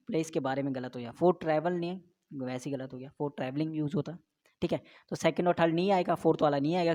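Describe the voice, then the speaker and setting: A woman teaching an exam-prep grammar lesson, reading sentences out slowly and explaining step by step. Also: sits low, darkish tone.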